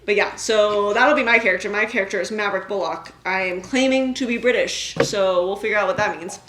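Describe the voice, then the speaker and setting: A woman's voice: mid-range voice, fairly quick, background noise. Playful woman in an echoey room. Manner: playful, laughing, chatty. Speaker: book vlogger, co-host. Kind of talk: casual chat.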